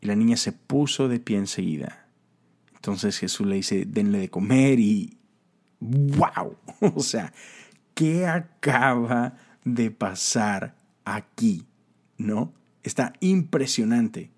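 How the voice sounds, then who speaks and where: A man's voice: medium pitch, expressive, slow pace, a little mellow. A man giving a casual, conversational sermon, full of fillers and emphatic exclamations. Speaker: preacher.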